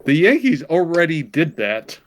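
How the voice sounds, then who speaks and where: A man's voice: on the high side, very animated, a little slow, slight background noise. A man co-hosting a comedy podcast, chatting casually, stammering and repeating words with some swearing. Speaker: podcast co-host.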